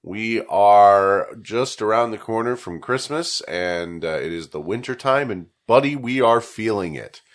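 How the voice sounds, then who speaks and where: A man's voice: lowish voice, animated, a little slow, few pauses. Stuffed-up, nasal man hosting a podcast. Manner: chatty and upbeat, laughs easily. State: stuffed up with a cold. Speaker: podcast co-host. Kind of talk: casual chat.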